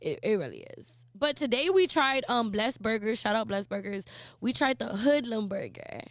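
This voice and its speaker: A woman's voice: on the high side, animated, moderate pace, no room sound. Rambling young woman, casual chat. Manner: loose, rambling, lots of fillers and laughs. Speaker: podcast co-host.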